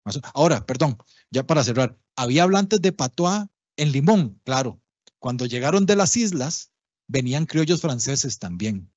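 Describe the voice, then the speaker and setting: Husky man lecturing. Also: mid-range voice, sing-song, normal speed, darkish tone, no echo. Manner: explanatory, keeps checking in with listeners. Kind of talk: public talk on language history. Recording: dull lo-fi livestream audio, dry.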